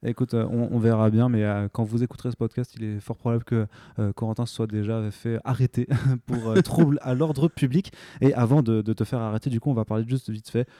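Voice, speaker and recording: A man co-hosting a podcast in a quick, teasing, conversational way. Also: mid-range voice, fairly even intonation, dark tone, no room sound, clean studio sound. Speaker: podcast co-host. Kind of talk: casual chat.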